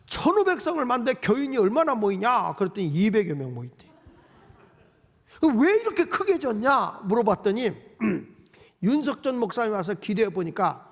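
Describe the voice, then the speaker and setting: A middle-aged male pastor with a high, gravelly voice that swoops up and down as he preaches. He keeps the delivery lively and drops playful mimicking asides. A long reverb rings around him in a large church sanctuary. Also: fairly quick. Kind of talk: Friday night service sermon.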